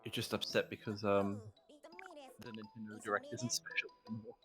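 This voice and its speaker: A man's voice: lowish voice, flat delivery, brisk, over music. A man co-hosting a casual gaming stream, his voice muffled as if he were talking inside a fishbowl. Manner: swearing, offhand banter. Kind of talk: casual chat. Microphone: desk mic, voice drifting away from it.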